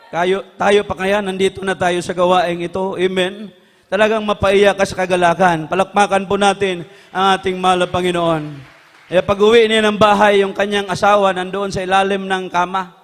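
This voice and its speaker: A man preaching a sermon, impassioned, swinging from hushed tones to shouts. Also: sits high, in a large hall.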